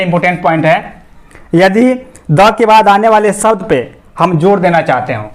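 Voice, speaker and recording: Male grammar teacher, high pitch, patient step-by-step explainer who reads examples word by word. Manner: repeats questions to students and answers them himself. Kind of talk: explanatory classroom lesson.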